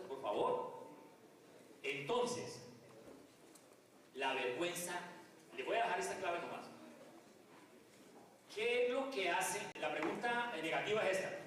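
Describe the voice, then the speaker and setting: A man's voice: high-pitched, fairly bright tone, a little hiss or hum. A man giving a conversational lecture and putting questions to the audience. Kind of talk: lecture on restorative justice. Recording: echoey hall, mic far off.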